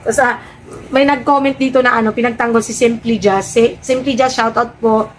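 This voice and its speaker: A woman's voice: fairly high pitch, fairly even intonation, a little fast, a little hiss or hum. A woman vlogger in casual live-stream commentary, talking to her viewers in a sarcastic way and firing off rhetorical questions.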